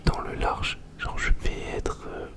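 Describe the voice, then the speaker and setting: A young man doing ASMR, chatting informally in a breathy whisper right in the listener's ear, very close to the microphone. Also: slow pace. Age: young adult. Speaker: ASMR video host. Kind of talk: ASMR, informal question-and-answer chat.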